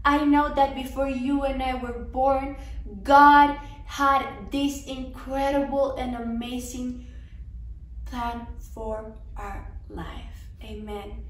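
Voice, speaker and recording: A young Colombian woman speaks as a conference speaker, delivering an earnest, encouraging devotional talk to a women's conference with a few restarts. Her voice sits high, her delivery is flat, and she takes it slowly. She is seated on a sofa in a living room, captured by a camera across the room, so the sound is roomy and distant.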